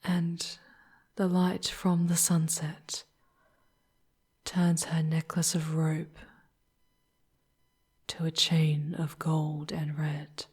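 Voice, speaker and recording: Voicing a female demon guide who is charming, tender and sorrowful, a woman whispers breathily through an ASMR roleplay in an exaggerated, low, monotone voice with a darkish tone. She speaks in halting, dramatic phrases broken by long pauses, hushed and mournful.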